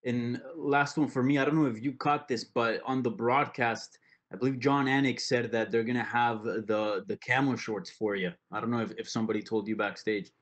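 Male sports reporter, average pitch. Casual interview questions, somewhat hesitant phrasing. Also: steady tone, moderate pace, a bit bright.

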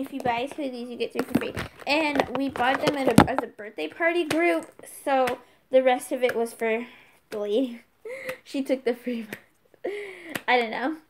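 A woman's voice: sits high, a little hiss or hum. A young woman chatting casually on her vlog, rambling playfully and jumping from topic to topic. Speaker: YouTuber.

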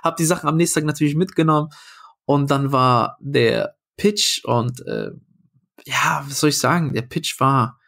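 A man's voice: mid-range voice, moderate pace, creaky, fairly bright tone. A young man, a comedian and food founder, telling a story casually in a podcast interview, acting out quoted dialogue with lots of fillers.

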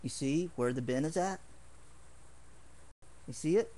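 Slow, rambling earnest man. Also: a little high, dark tone. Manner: rambling, earnest, with many restarts. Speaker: martial arts hobbyist showing swords. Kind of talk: casual home video demonstration.

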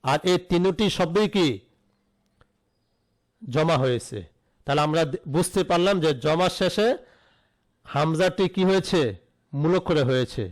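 A man's voice: a little high, measured pace, long pauses, low-quality recording. A man teaching an online Arabic grammar lesson, spelling out root letters and asking questions that he answers himself.

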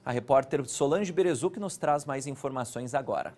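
A man presenting a local TV news program from the studio, chatting between reports in a brisk, conversational way. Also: mid-range voice, a little mellow. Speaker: news anchor.

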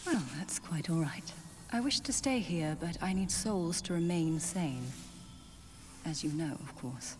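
Low-voiced fallen noblewoman, acted by a woman. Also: a little mellow, soft background music, lightly acted. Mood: resigned. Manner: genteel, measured, theatrical. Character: fallen noblewoman merchant, genteel, eerie, world-weary. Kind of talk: scripted video game dialogue.

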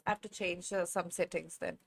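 A woman's voice: fairly low pitch, steady tone, fairly quick, creaky. A woman in her twenties with an Indian English accent, chatting casually with viewers on a live chess stream, reacting to chat and laughing often. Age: 20s.

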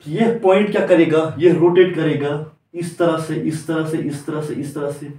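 A man's voice: fairly high pitch, fairly even intonation, normal speed, mellow. A male teacher giving a lecture, stepping through a diagram point by point and repeating each step. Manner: repetitive, walks through each step with "here" and "like this". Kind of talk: lecture explaining at a board. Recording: echoey classroom, mic from a distance.

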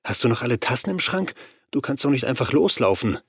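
A young man, breathless and agitated, scolding his friend, as a male reader voices him. His questions come fast and sharp. The audiobook recording is close and dry. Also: medium pitch, very animated, creaky, breathy edge, dry recording, exaggerated voice. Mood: exasperated.

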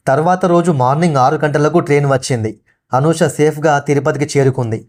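Male storyteller, scripted horror narration, steady and measured, fairly high voice.

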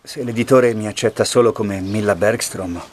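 An actor playing a wry, restless writer who used to be a cop, in dubbed film dialogue over soft music. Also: male voice, lowish voice, steady tone, moderate pace, a little hiss or hum, natural voice.

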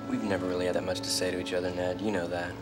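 An actor playing an earnest young American agent who talks in a quick, placating way, with an American accent. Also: male voice, sits low, little pitch movement, over loud music, natural voice. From United States. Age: young adult.

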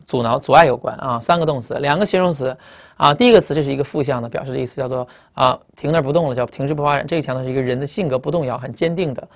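Male vocab teacher, quick and gravelly, drills words by repeating them. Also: medium pitch. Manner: explains word by word, repeats key terms, spells letters out. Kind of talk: recorded classroom lecture.

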